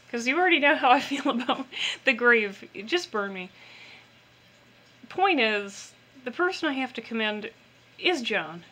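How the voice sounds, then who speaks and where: A woman's voice: a little high, sharp tone. A woman co-hosting a podcast, chatting frankly and affirming her partner. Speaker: podcast co-host. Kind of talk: casual chat.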